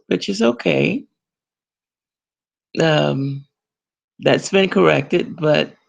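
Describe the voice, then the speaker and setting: A woman reverend hosting a spiritual broadcast, talking in a gentle, smiling, meditative way. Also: rumbling low, creaky, dull audio. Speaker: reverend and host of a spiritual program. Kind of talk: slow spiritual broadcast talk.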